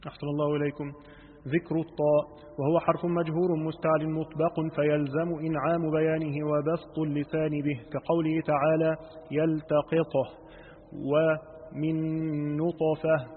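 Flat, high-ish man reading aloud. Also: husky. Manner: slow measured reading, drawn-out chanted words. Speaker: student reading the text aloud. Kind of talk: reading a classical text with chanted examples. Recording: tinny phone-like line, long reverb.

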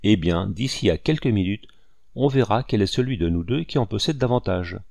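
Guy reading as a cool proud hunter, firm and measured, lowish voice, dry sound. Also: animated, vocal fry, a little mellow, no echo. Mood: cold. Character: cold resolute male hunter, calm and proud.

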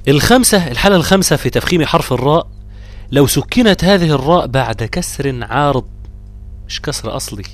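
A man with an Egyptian accent teaching Quran recitation rules, quizzing students and chanting verses slowly. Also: fairly high pitch, slight background noise. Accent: Egyptian Arabic. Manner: lively, drawn-out chanting of verse examples. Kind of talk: live tajweed lesson.

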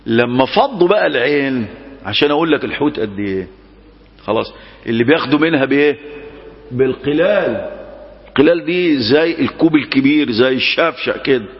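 A man with an Egyptian accent preaching a mosque lesson, telling a story with lively rhetorical questions. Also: medium pitch, brisk, big-room sound, muffled recording.

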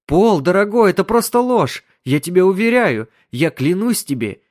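A man's voice: sits high, big pitch swings, normal speed, voice pushed up. A man voicing a flustered, kindly housewife and mother in a story reading.

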